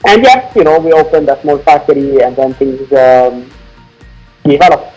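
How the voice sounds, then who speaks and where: A man from Lebanon, founder of a company, explaining his product in a podcast interview with a measured, filler-laden manner. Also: medium pitch, a little mellow, faint music behind, low-quality recording. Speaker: founder and CEO guest.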